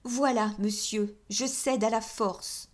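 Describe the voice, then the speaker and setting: A woman's voice: a little high, fairly even intonation, slow pace. A woman reading an audiobook, voicing a proud aristocratic countess who speaks in a raised, indignant voice. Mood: choked defiance.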